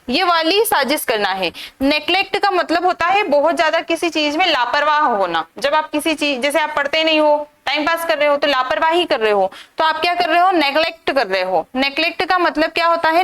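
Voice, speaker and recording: A woman's voice: sits high, a bit bright. A woman teaching English vocabulary in a live online class, drilling students with rhetorical questions and scolding them now and then. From India.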